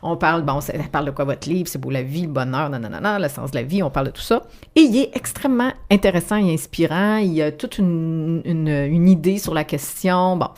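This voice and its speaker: A woman's voice: sits low, brisk, darkish tone. A woman with a Québécois accent, an author talking reflectively in a radio interview, often restarting her sentences. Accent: Québécois French. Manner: reflective, with frequent restarts and fillers. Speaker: author guest.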